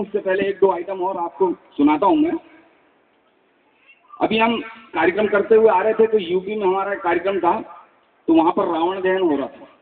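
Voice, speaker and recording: A man performing live stand-up and acting out each exchange as he tells it. His voice sits high and swings widely in pitch, with a gravelly edge. The audio is thin and tinny, like a phone line. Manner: animated storytelling, acting out dialogue in quotes. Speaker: stand-up comedian and mimicry artist.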